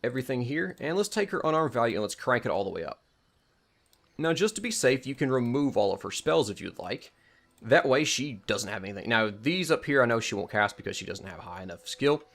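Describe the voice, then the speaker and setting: A mod showcase presenter records a voice-over at home on gameplay, giving a casual, unscripted demonstration. He explains each step and thinks aloud, his medium-pitched voice sing-song, brisk, gravelly and a bit bright.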